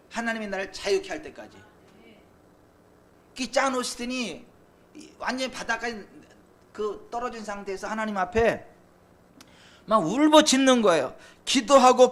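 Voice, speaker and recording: A male pastor preaching a sermon, swinging between loud, fervent cries and quiet, low asides. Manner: impassioned, swings from loud cries to near whispers. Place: church sanctuary.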